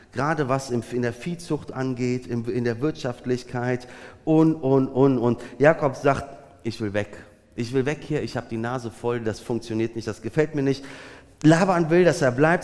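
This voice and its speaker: Man preaching in a reverberant hall. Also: on the high side. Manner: animated retelling with sudden swings in loudness. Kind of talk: sermon. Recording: long reverb of a large hall.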